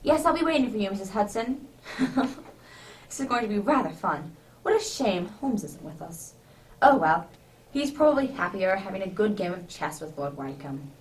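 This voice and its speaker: A woman's voice: medium pitch, big pitch swings, moderate pace, far from the mic, slight background noise, natural voice, poor audio. A woman playing a jovial, flustered male doctor in a Santa suit, hearty and exclamatory, in an amateur radio drama.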